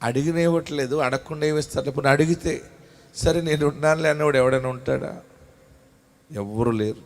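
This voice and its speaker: A man with a Telugu accent preaching a sermon as pastor, calling out to the congregation and telling personal stories, moving between loud shouted exhortation and quiet storytelling. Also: a little high, fairly quick.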